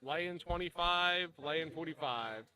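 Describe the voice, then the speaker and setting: A man with a fairly high, bright and forward voice commentates a darts match live. His delivery is informal and conversational, mixing score calls with easy banter. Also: slow. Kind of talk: casual live sports commentary.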